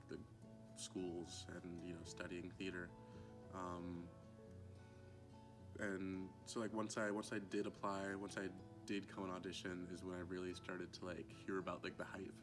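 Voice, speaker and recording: Deep, flat-voiced young man. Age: young adult. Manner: laid-back, many fillers. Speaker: acting student. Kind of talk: casual interview. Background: background music.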